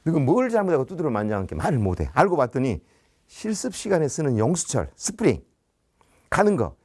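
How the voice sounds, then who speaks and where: A man's voice: on the high side, huge pitch swings, a little fast, darkish tone, no echo, clean studio sound. A man, a teacher, giving a storytelling lecture and animatedly acting out dialogue. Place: business center lecture.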